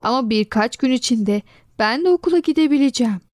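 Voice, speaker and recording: A woman narrating a children's storybook in an expressive reading voice, giving quoted lines a lively lift. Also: high voice, fairly quick, dry recording, studio quality.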